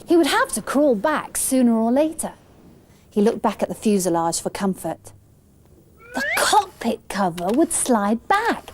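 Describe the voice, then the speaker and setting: A woman reading children's stories in an expressive, scripted storytelling style. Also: fairly high pitch, measured pace, a little hiss or hum.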